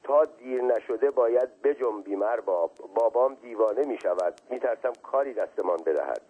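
A man voicing an eager, evasive young male servant in a husky voice, heard as a tinny radio reading. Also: mid-range voice, expressive. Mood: urgent. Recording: tinny phone-like radio sound.

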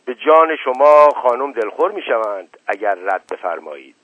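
A man voicing a sly, charming middle-aged nobleman who talks smoothly and persuasively, on a dull lo-fi radio recording. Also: mid-range voice, animated, a bit bright, no echo. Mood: coaxing.

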